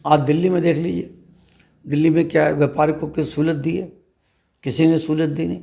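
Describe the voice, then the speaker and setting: A man, a trade representative, giving measured, emphatic interview answers and often posing rhetorical questions. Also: a little high, level tone, creaky, dark tone. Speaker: trader association leader interviewed as guest.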